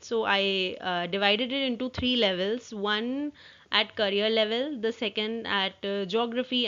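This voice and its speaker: Woman presenter, mid-pitched, informal slide walkthrough, halting with restarts, muffled low-fidelity sound. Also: sharp tone. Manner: halting, with repeated false starts. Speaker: presenter walking through own work assignment. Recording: dull, lo-fi audio.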